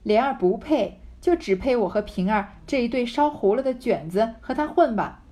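A woman's voice: on the high side, animated, moderate pace, mellow, close to an everyday voice. A woman reading as a witty young wife. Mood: playful. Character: witty young married woman, quick-tongued, flattering.

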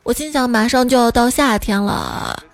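Lady reading funny stories in a highish voice, dry punchlines, light music behind. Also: moderate pace. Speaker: comedic storyteller.

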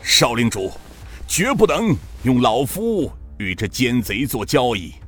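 A male storyteller voicing a fierce, defiant old sect master in his seventies or older, who shouts his defiance. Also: mid-range voice, big pitch swings, measured pace, faint music behind.

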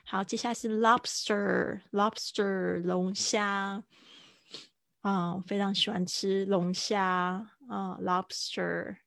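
A woman teaching English words in a casual live-streamed lesson, chatting and repeating each word slowly to model how it sounds. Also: mid-range voice, little pitch movement, no echo. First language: Mandarin.

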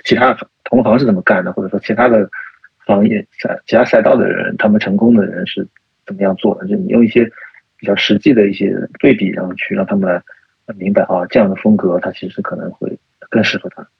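A researcher appears as a guest on a casual podcast, a man with a lowish, creaky, slightly breathy voice who talks fast. He thinks out loud, full of fillers and restarts, and the dry recording sounds dull and lo-fi.

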